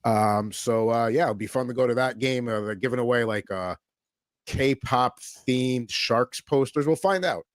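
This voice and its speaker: Recorded in studio quality with no echo, an American hockey podcast host speaks in a mid-range voice at a measured pace. His casual talk is relaxed and meandering, loaded with filler words.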